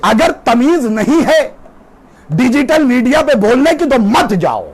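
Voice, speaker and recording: A male cleric delivering an impassioned religious sermon with an Indian Urdu accent, moving between quiet storytelling and shouted declamation. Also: sing-song, unhurried, crowd noise. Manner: oratorical, swings from low storytelling to shouted declamation. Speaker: cleric giving a majlis sermon. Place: gathering hall with a crowd.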